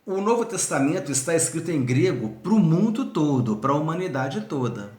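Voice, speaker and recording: A man gives a recorded seminary lesson, explaining step by step and often circling back to restate a point. He speaks directly to the viewer in a slightly high voice. The room around him echoes. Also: very animated, a little fast, a little mellow. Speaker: seminary teacher.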